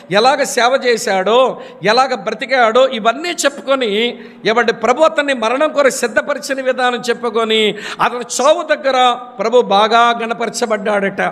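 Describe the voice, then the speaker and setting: A man preaching a sermon, telling stories and acting out the voices of the people in them. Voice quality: high-pitched, animated storytelling with acted quotes. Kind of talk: sermon with storytelling. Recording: long hall reverb.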